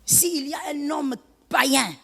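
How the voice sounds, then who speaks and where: A woman pastor delivering an animated sermon, her preaching rising to shouts. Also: high-pitched, unhurried, gravelly, in a large hall.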